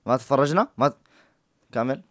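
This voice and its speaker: A man's voice: mid-range voice, animated, fairly quick, noisy background. A man commenting on a prank video in a joking, teasing way. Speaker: YouTuber reacting to a prank video. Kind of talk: casual reaction commentary.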